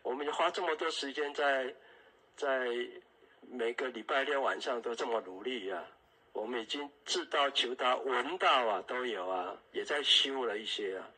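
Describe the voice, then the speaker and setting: A man leads an evening Dharma class with a husky, breathy edge to his voice. His tone is bright and forward. He explains Buddhist terms patiently, softening his sentences with drawn-out particles and frequent checks with the class. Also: mid-range voice, poor audio.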